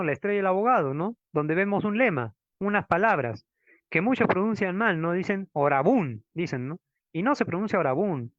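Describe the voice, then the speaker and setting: A law professor lectures with slides in a fairly high voice, teaching didactically, tacking on frequent tag questions and slowing down to stress Latin words. The recording is dry and dull, like a lo-fi classroom capture.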